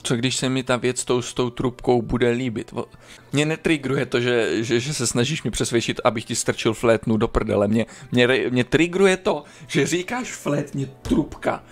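A man streaming a video game, commenting casually and crudely, swearing often and breaking into sudden high yelps. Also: steady tone. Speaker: gaming streamer. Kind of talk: casual let's-play commentary.

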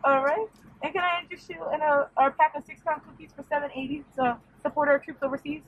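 A woman taking orders through a drive-thru speaker box, with polite, quick service patter and hesitant fillers. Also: sits high, steady tone. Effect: heard through a drive-thru speaker box. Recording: dull, tinny outdoor speaker sound.

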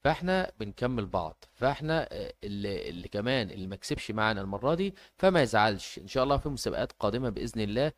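A man's voice: fairly low pitch, animated, racing. A man with an Egyptian Arabic accent announcing a giveaway informally as host, hesitating and repeating himself as he goes.

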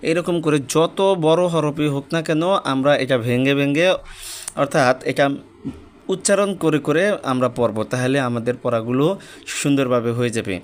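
A man's voice: medium pitch, moderate pace. A man teaching Quran reading step by step, spelling each letter with its vowel mark and joining the syllables patiently. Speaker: religious teacher.

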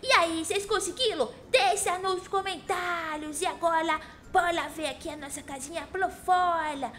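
A woman's voice: very high voice, normal speed, a bit bright. A woman voicing a cheeky, feisty little girl who hosts a children's Minecraft role-play, exclaiming in a childlike, bratty way. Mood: cheerful. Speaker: host of children's gaming channel. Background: music.

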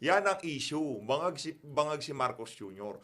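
A man's voice: on the high side, expressive, normal speed, a bit bright. A male host of a political talk show, speaking politely and measuredly.

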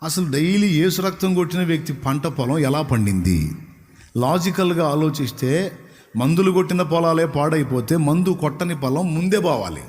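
A man preaches a storytelling sermon in a conversational way, often turning questions to his listeners. His voice sits a little high. It rings with long reverb in a church hall. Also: expressive, normal speed, darkish tone, soft background music.

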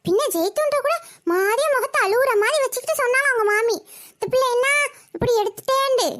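A nosy, gossiping cartoon auntie with a Kayalpattinam Tamil accent lectures a young bride without pause, voiced by a woman. Her voice sits extremely high and squeaky. She keeps a preachy, meddling tone. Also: a bit bright. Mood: lecturing. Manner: nagging, lecturing. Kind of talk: cartoon voice acting.

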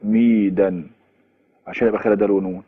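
A man with an Egyptian accent lectures quickly in a fairly low voice. He lists examples one after another and then goes back over them. The recording is dull and lo-fi, with no room sound. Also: steady tone, dry recording. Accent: Egyptian Arabic. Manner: explains by listing examples, then repeats them, with fillers. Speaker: university lecturer.

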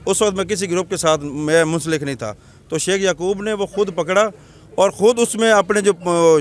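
A middle-aged man with a Punjabi accent speaks into a handheld mic on a crowded street, in a slightly high voice. He is a local councillor giving an earnest, rambling account in a street interview. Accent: Punjabi-accented Urdu. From Pakistan. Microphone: handheld reporter mic.

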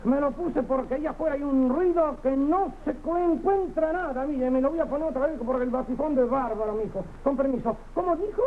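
A clownish, put-upon Argentine soldier in an old TV comedy sketch. His voice is very high, exclamatory and full of cheeky wisecracks. The vintage recording sounds tinny and noisy. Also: brisk, few pauses. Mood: cheeky, protesting. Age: middle-aged. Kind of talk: 1960s television sketch comedy acting.

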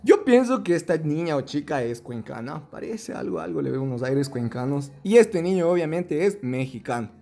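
A man leads a children's English lesson. His voice sits a little high for a man and swings widely in pitch, and he stretches English words slowly for repetition. Soft music plays underneath. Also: creaky. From Ecuador. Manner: lively, coaxing, slow and drawn out on English words for repetition. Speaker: English teacher.

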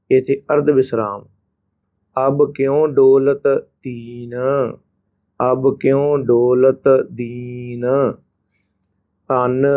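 A man with a Punjabi accent teaches careful scripture pronunciation, drawing each phrase out very slowly in a flat, even voice. He breaks off into brisk spoken pointers between lines. The recording is narrow and tinny, like a phone line. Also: mid-range voice. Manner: chants each phrase slowly, then explains quickly. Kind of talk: slow recitation lesson with spoken pointers.

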